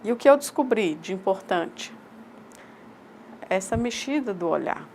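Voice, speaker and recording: Woman, Brazilian accent, voiced lecture interpretation, halting short phrases, mid pitch, faint background noise. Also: animated, creaky, darkish tone. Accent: Brazilian Portuguese. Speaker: voice interpreter for a sign language lecturer.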